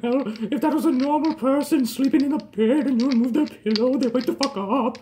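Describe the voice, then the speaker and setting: A smug, pushy imaginary rock friend, voiced by a woman, in a homemade cartoon. The voice sits fairly high, and the talk is bossy, full of crude jokes. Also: brisk, warm tone, slight background noise, close to an everyday voice. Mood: scheming.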